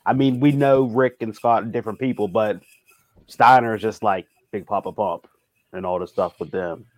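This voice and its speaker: A man's voice: on the low side, steady tone, moderate pace. A man in a casual wrestling chat, agreeable and teasing.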